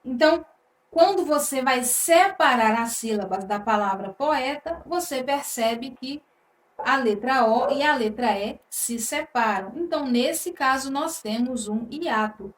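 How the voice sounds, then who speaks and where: A woman teaching an exam-prep grammar lesson, patient and drawn-out, checking in with "tá?" often. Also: high-pitched, animated. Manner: slow, patient, drawn-out words, frequent "tá?". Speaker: Portuguese teacher. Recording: echoey room, voice from a distance.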